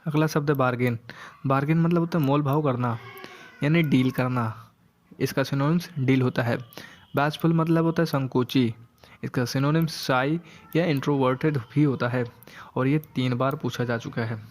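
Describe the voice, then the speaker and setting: Man drilling vocabulary, steady repetitive pace. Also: medium pitch, moderate pace. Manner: steady repetitive word-by-word drill, repeats key words. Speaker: vocabulary teacher. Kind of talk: exam vocabulary lesson read from a list.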